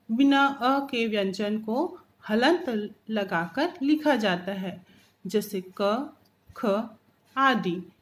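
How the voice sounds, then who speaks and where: Slow, careful Hindi teacher woman. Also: fairly high pitch, darkish tone. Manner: slow, careful teacher's delivery, drawing out example sounds. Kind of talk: recorded grammar lesson for children.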